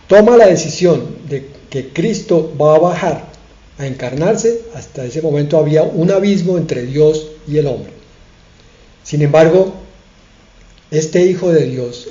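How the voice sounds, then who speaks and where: A man preaches an earnest sermon with slow, emphatic pauses. His voice sits a little high and sounds mellow. The recording is dull and rings with the echo of a room. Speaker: pastor.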